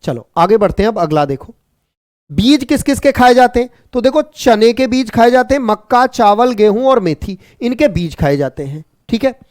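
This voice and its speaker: A man teaching an online exam-prep class, brisk and repetitive, teasing and jokingly scolding his students. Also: extremely high pitch, big pitch swings, a little mellow, dry recording, clean studio sound.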